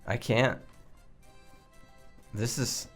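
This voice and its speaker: A man's voice: medium pitch, steady tone, extremely slow, fairly bright tone, faint music behind. A man giving casual, exasperated gameplay commentary, grumbling and swearing as he plays. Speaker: game player and commentator.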